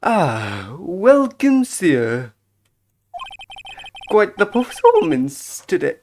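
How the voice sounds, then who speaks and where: A woman's voice: low-pitched, sing-song, slow pace, pitched above the performer's own voice, exaggerated voice. A woman voicing a fawning young male hotel bellboy who talks in an obsequious, overly polite way. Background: game music.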